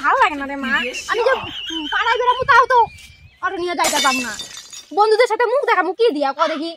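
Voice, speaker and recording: A woman's voice: very high voice, animated, racing. Woman playing a sulky, complaining young bride. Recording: loud noisy amateur recording.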